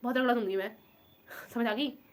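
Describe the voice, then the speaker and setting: A woman's voice: fairly high pitch, fairly even intonation, a little fast, a little mellow. A young woman vlogging in casual chat, emotional and affectionate, rambling as she talks. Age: young adult.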